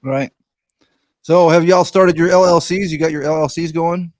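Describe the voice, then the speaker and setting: A man in his fifties hosting a casual podcast interview, joking and asking quick questions. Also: a little high, steady tone. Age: 50s. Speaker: podcast host.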